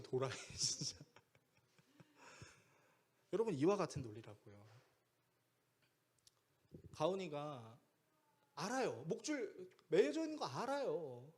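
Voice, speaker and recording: A pastor with a darkish, slightly breathy voice delivers a sermon in a conversational way, putting questions to the congregation. He acts out quoted voices using big swings in pitch.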